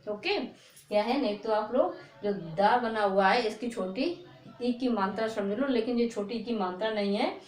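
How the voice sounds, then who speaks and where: Slow-paced woman teaching in an echoey room. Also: fairly high pitch. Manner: slow, drawn-out repetition of words, frequent "ok" checks. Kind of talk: Hindi reading lesson.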